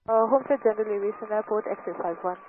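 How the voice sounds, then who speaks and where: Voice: mid-range voice, very fast. A pilot talking over a cockpit headset on the aircraft radio, hesitant and often starting with a filler. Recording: tinny radio transmission with static.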